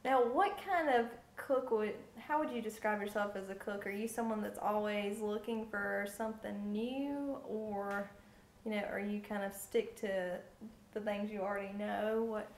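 A woman's voice: medium pitch, moderate pace, roomy sound, a little hiss or hum. A young woman reporter in a large home kitchen, interviewing a guest cook with friendly, curious questions.

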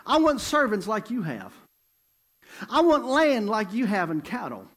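Eager petitioner before a king, high lively voice, played by a preacher. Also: unhurried, exaggerated voice. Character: bold male petitioner pleading before a king.

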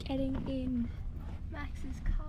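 A teenage girl vlogs casually from a sailboat cabin and a car, holding the camera at arm's length. Her voice is high-pitched, fairly even and slow, and her chatty narration is packed with "like." The handheld camera audio is noisy.

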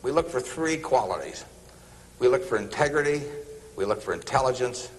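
A man's voice: medium pitch, animated, moderate pace, in a large hall, faint music behind, low-quality recording. A man explaining a point to an audience in a matter-of-fact way, with ironic asides.

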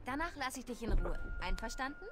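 A woman's voice: sits high, very animated, fairly quick. A young woman playing a dry, matter-of-fact heroine in a video game, with game music behind. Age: young adult. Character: determined young female heroine. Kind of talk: game dialogue.

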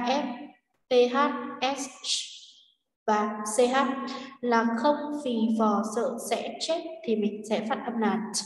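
A Vietnamese woman teacher walks through an English exam patiently, pausing to check that students follow along. Her voice sits a little high. She sounds set back from the mic in an echoey room with a long reverb. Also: darkish tone, distant mic. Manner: patient, step-by-step explaining with checking questions. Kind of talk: exam review lesson.

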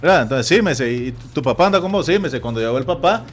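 Animated Nicaraguan radio host, man. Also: medium pitch, fast. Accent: Nicaraguan Spanish. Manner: animated storytelling, acts out quoted voices. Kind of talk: radio sports talk. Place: radio studio.

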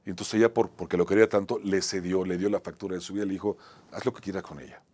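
A man with a Mexican accent, an acting teacher who tells a personal story on a talk show. He often ends phrases with a tag question and moves between a strong voice and a soft one. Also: deep voice, steady tone, quick pace, slightly rough. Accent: Mexican Spanish.

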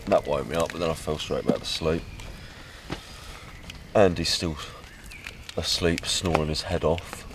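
A man chatting in a relaxed, playful way at a woodland camp. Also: extremely low pitch, unhurried, long pauses. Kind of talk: casual chat at camp. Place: woodland camp outdoors under a tarp. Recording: outdoor noise.

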